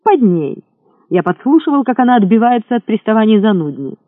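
Insolent boastful young rogue, put on by a male narrator; high, dry, lo-fi. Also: big pitch swings, fairly quick, no room sound. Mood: mocking. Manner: mocking, boastful. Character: brash insolent young man, a sharp-tongued rogue. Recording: thin phone-like sound, dry.

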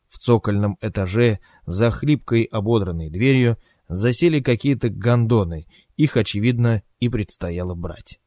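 A man narrating a story in an ironic, expressive way, as an audiobook. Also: lowish voice, no echo, clean studio sound.

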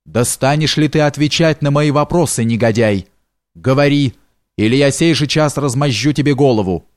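A man's voice: medium pitch, normal speed, no room sound, clean studio sound, close to an everyday voice. A man voicing a stern, impatient nobleman who barks commands and questions in a storybook reading. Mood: commanding.

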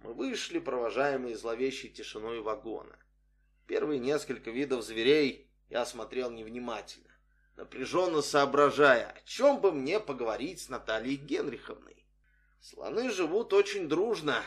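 A man's voice: mid-range voice, a bit bright. A man reading a humorous story aloud as scripted narration, with a dry, wry storytelling manner. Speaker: audiobook reader.

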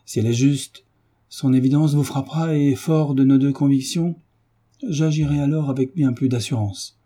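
Guy reading as a polite serious gentleman, dark husky voice, slow and careful. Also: mid-range voice, fairly even intonation, voice pushed up, lightly acted. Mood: grave. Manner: measured, courteous, grave. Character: earnest, tactful gentleman tutor.

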